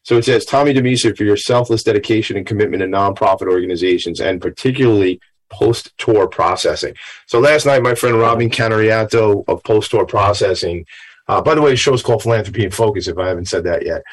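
Gravelly, low-voiced New man hosting. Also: fast talker, rough recording. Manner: folksy, chatty, self-branding patter. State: a little tired after a late night. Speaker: show host. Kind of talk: informal upbeat talk-show monologue.

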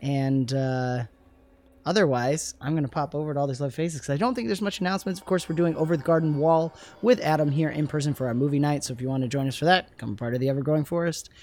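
A man hosting a tabletop game livestream, upbeat and quick to laugh. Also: fairly high pitch, a little mellow. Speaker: host. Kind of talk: livestream intro and chat.

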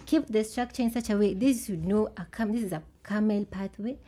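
A woman's voice: mid-range voice, fairly quick, dark tone. A woman with a Kenyan accent chatting casually as a podcast panellist. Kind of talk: casual discussion.

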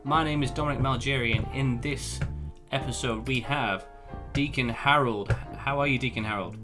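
Male podcast host, mid-pitched, casual and halting, music clearly behind him. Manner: relaxed, hesitant, many fillers. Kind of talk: live podcast interview. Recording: background music under voice.

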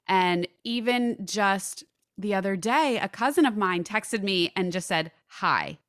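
A woman's voice: mid-range voice, fairly bright tone, no echo, clean studio sound. A woman hosting a podcast, talking openly and sympathetically about shared experiences and often chiming in to agree. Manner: empathetic, quick agreeing interjections. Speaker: podcast host. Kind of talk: conversational interview.

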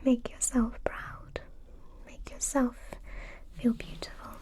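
A woman speaking in a soft, soothing spa whisper, gently, as in a whispered ASMR role-play for personal attention. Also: fairly high pitch, level tone, slow pace. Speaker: ASMR host.

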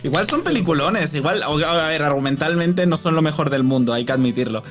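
A man's voice: on the high side, animated, fairly quick, fairly bright tone, faint music behind. A man guest in a casual film chat, rambling and slangy with many restarts.

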